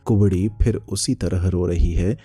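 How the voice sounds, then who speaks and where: A man narrating a literary short story in a slow, measured storytelling manner. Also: sits low, dark tone, husky, no echo.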